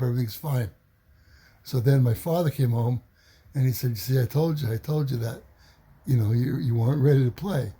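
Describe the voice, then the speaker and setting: Gravelly New man telling a story. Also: mid-range voice. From New York City. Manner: animated, acts out quoted voices. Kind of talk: personal storytelling.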